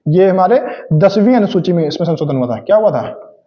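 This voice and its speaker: A man's voice: sits high, lively intonation, a little fast, echoey room, lo-fi sound. Talkative male teacher drilling quiz facts. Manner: asks questions then answers them himself, repeats key facts; informal, joking asides. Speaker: exam coaching teacher. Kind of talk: conversational exam-prep lesson.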